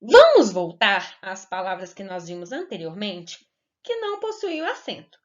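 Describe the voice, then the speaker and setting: A woman teacher giving a recorded lesson to young children, speaking slowly and clearly and stretching words to show the stressed syllable. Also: mid-range voice, huge pitch swings. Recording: dull lo-fi recording.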